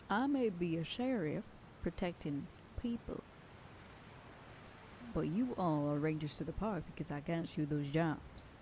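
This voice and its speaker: Low-pitched and warm, a woman's voice portrays a commanding female werewolf sheriff scolding her pack with a stern warning in ASMR roleplay, at times slipping into a whisper. She's a voice actor, and slight background noise is present.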